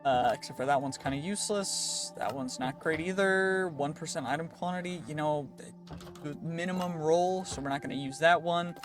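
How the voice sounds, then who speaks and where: A man giving casual commentary over his own gameplay, chatty and thinking aloud with quick reactions. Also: a little high. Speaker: gaming channel host. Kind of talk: casual let's-play commentary. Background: clear background music.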